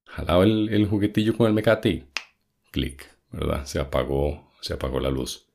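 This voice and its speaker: A man's voice: rumbling low, animated, normal speed, creaky, a little mellow. A young man tells a personal ghost story in a casual way, acting out quotes and sound effects.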